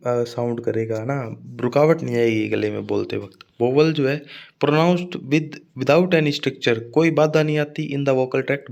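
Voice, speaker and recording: A man's voice: mid-range voice, darkish tone. A man teaching an exam-preparation phonetics lecture in a casual classroom manner, often checking in with his students as he explains.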